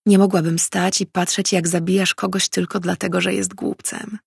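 A woman voicing a defiant young mind-reading heroine who argues and pleads, in a husky voice. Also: on the low side, little pitch movement, normal speed, dry recording, studio quality, exaggerated voice. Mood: arguing. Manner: pleading, arguing.

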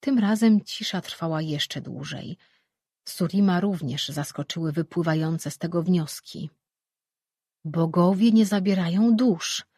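Slow, breathy woman reading a story. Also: fairly low pitch, warm tone, no echo, studio quality. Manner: measured, reads all characters in her own voice with light shifts. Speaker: audiobook narrator. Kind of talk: scripted audiobook narration.

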